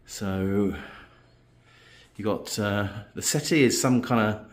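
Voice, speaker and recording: A man's voice: fairly low pitch, takes it slowly, very noisy. A man giving a casual, unscripted vlog room tour in an appreciative, amused, understated way. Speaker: vlogger.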